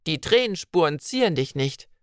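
A wise old woman of the forest speaks slowly and kindly, as a female narrator puts her on. Her storybook voice is low and gentle, with old-fashioned phrasing, recorded dry and close. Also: sing-song, no room sound. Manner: slow, gentle, archaic speech.

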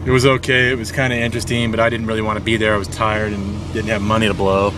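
Rambling low-voiced man in a car. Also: level tone, fast, recorded from a distance, noisy background. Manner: rambling, laid-back, swears casually. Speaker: vlogger. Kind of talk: rambling casual vlog while driving. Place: inside a car on a town street. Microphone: handheld music player camera. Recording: voice from the mic, loud music over it.

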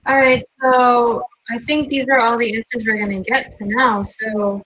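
Woman with a dry, higher voice on a call. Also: flat delivery, measured pace, fairly bright tone, no echo, poor audio. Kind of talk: online class meeting. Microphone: video call.

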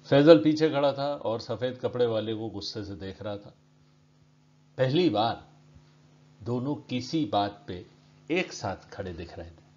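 A male storyteller reads his story aloud, steady and measured. He takes his time with each line, and the recording sounds muffled and lo-fi. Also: medium pitch. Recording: dull lo-fi recording.

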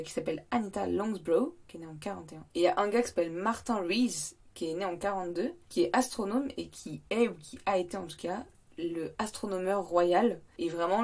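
A young woman from France talks through her travel podcast in a loose, chatty way, full of slang and little fillers. Her voice sits a bit low for a woman, and she speaks with a French accent. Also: a little mellow. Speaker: podcast host. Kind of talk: casual travel podcast monologue.

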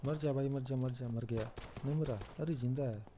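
A man's voice: mid-range voice, moderate pace, noisy background. A young man giving casual, chatty commentary on his own gameplay and joking about himself. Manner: chatty, self-mocking, calls out to teammates. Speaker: gamer commentating his play.

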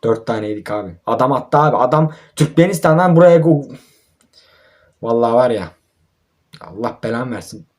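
A man's voice: mid-range voice, expressive, moderate pace, pauses often, a little mellow. A young man, giving exasperated, ranting commentary over a mobile football match and swearing at his own team. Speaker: mobile football gamer and YouTuber. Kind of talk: gameplay commentary.

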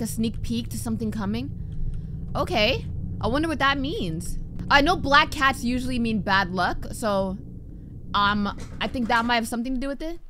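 Background noise sits under a slightly high female voice belonging to a young adult streamer. Animated and reactive, she chats to the game while playing and now and then reads text aloud.

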